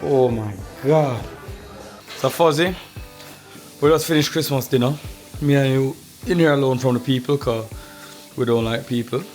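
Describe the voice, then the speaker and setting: Jamaican male vlogger, loud slangy banter, music bed. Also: medium pitch, moderate pace. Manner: loud, excitable slangy talk. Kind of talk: casual vlog chat.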